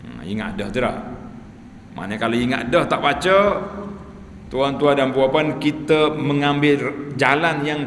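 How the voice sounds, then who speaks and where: A man with a Malaysian Malay accent giving a lively, conversational religious lecture to a congregation, at times chanting prayers with them. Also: medium pitch, a little slow, pauses often. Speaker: preacher. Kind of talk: religious study-circle lecture. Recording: echoey hall with faint background noise.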